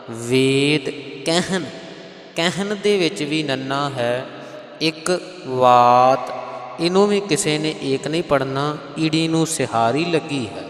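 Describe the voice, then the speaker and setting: A man with a Punjabi accent teaching scripture pronunciation. He chants verses slowly and then explains them plainly. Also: fairly high pitch, reverberant, in a large hall. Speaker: Sikh scripture recitation teacher. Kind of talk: slow scripture pronunciation lesson with chanted lines.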